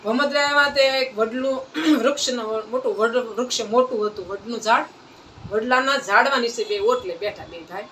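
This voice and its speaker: Recorded from a distance with faint background noise, a devotional storyteller narrates a saint's life at a satsang. She speaks in a plain folk way, repeating phrases. Her voice is a little high and a bit bright, at a moderate pace.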